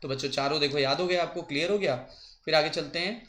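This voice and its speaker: A man teaching a biology coaching lesson, repeating and spelling out memory tricks slowly for his students. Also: on the high side, a bit bright. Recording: echoey room.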